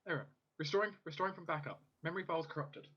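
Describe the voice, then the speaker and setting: A man as game master voicing a glitching automaton that boots up with error messages in an unnatural, slightly feminine synthetic voice, in flat system announcements with stuttering restarts. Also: a little high, rapid-fire, husky, highs cut off. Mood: mechanical monotone. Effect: glitching robot voice with error messages.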